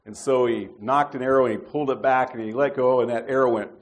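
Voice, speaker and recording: A middle-aged man preaching a sermon in a conversational way, pausing with fillers and restarting his sentences. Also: mid-range voice, steady tone.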